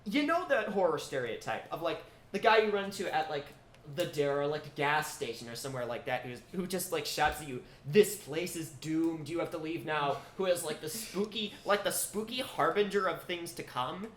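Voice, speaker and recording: A man's voice: fairly high pitch, expressive, fairly bright tone. A man co-hosting a podcast, chatting casually and enthusiastically about horror films, with lots of filler words. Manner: enthusiastic, quick, many fillers. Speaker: podcast co-host. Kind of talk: casual film discussion. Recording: echoey room with faint noise.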